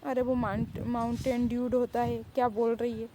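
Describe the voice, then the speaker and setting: A woman's voice: fairly high pitch, level tone, moderate pace, warm tone, slight background noise, close to an everyday voice. A woman doing a fretful, nervous young friend. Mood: worried. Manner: anxious, fretful.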